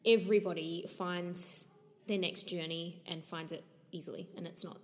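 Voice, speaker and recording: A woman's voice: on the low side, fairly even intonation, normal speed, big-room sound. A woman from northeast Scotland with a Scottish accent, chatting casually and giggling as a musical theatre performer being interviewed. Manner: chatty, giggly, says "to be honest" often.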